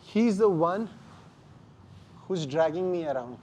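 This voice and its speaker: A man's voice: a little high, lively intonation, takes it slowly, mellow, slight background noise. A man with an Indian accent teaching a martial arts class, speaking emphatically in short, repeated phrases. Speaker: jiu-jitsu instructor.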